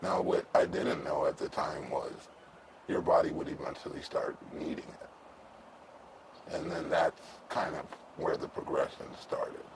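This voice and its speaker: Disguised deep voice, altered man in his 30s, super low and gravelly, halting candid answers, loud noisy recording. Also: fairly even intonation. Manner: candid, halting, with fillers and restarts. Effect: voice altered and pitched down to disguise him. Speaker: anonymous interviewee.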